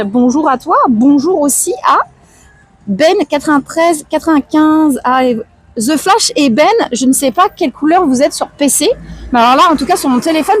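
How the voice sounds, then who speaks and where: Hoarse, high-voiced woman livestreaming. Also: no echo. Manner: chatty, slangy, reads out and answers chat. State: hoarse, tired strained voice. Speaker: live streamer chatting with viewers. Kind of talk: casual chat, IRL livestream. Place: outdoors, walking through town streets.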